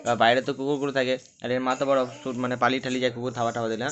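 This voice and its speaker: A man's voice: medium pitch, level tone, racing, highs cut off. A man chatting casually through his daily vlog, rambling and self-deprecating. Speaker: vlogger.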